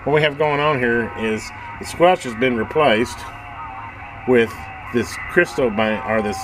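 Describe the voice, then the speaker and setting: A hobbyist video host shows off a vintage radio in a casual, unscripted show-and-tell, rambling in a folksy, enthusiastic way as he demonstrates it hands-on. His voice is mid-range and his pace measured. The audio is poor, with music, radio static, background noise, and CB radio hiss and chatter.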